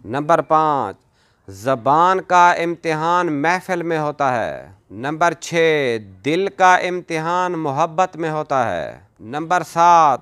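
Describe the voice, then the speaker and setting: A man with a fairly high, smooth and resonant voice reads short motivational sayings one after another. His delivery is measured and declarative, every maxim spoken as a firm, finished statement. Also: lively intonation, fairly bright tone. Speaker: narrator of motivational quotes. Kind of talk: scripted motivational narration.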